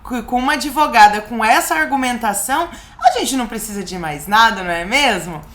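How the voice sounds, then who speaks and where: A woman's voice: a little high, lively intonation, brisk, a bit bright. A woman recapping a reality show in a casual, gossipy way, with sarcastic asides. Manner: gossipy and sarcastic, quoting people in a mocking tone.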